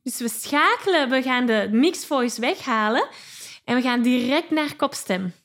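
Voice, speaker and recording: A woman's voice: sits high, animated, measured pace, fairly bright tone. A woman singing teacher giving an encouraging vocal lesson, explaining technique and singing short examples. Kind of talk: vocal lesson with sung demonstrations.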